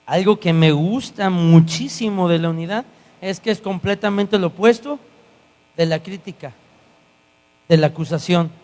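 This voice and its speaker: A man's voice: sits high, moderate pace. A male guest pastor preaching a sermon, telling stories with acted-out dialogue. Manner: animated storytelling, acting out dialogue. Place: church hall. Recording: church hall with long reverb and mains hum.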